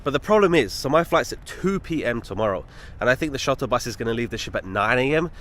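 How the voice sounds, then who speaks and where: Walking along a city street outdoors, a travel vlogger chats casually to camera, narrating fast and animatedly in a fairly bright, medium-pitched voice. His British accent is often mistaken for American by listeners.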